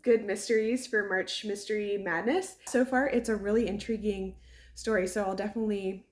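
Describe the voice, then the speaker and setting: A woman chatting casually and cheerfully in a book vlog, often saying "like" and laughing softly. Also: medium pitch, steady tone, normal speed. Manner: chatty and upbeat, with frequent "like" and soft laughs. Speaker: book vlogger. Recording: echoey room.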